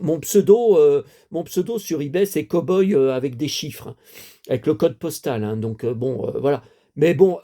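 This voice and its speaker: A man's voice: a little high, mellow. A man in his fifties, a collector chatting casually to camera, rambling and repeating himself with many fillers. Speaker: toy collector vlogger.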